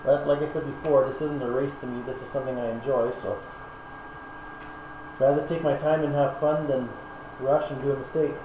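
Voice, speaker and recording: A man's voice: mid-range voice, steady tone, a little fast. A man talking casually through a face shield as he presents woodturning in his shop, his voice muffled. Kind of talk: casual workshop narration. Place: workshop at a lathe. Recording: muffled, roomy, noisy workshop without external mic.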